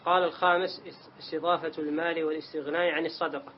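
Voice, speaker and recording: A man's voice: fairly high pitch, flat delivery, fast talker. A man reading religious texts aloud in a lesson, careful and formal, stopping now and then to ask the teacher a question. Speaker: student reading the text aloud. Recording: dull lo-fi sound with faint noise.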